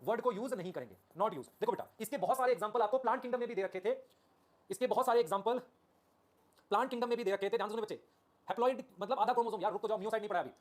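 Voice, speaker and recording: Male biology tutor, live online class, very fast talker, constantly checks understanding, repeats terms, fairly high voice for a man. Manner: addresses students affectionately as children; repeats key terms over and over. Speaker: biology teacher.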